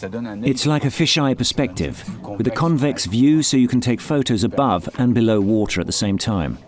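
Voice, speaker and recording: A man's voice: medium pitch, lively intonation, normal speed, crowd noise. A man giving conversational commentary as a diver in a nature documentary.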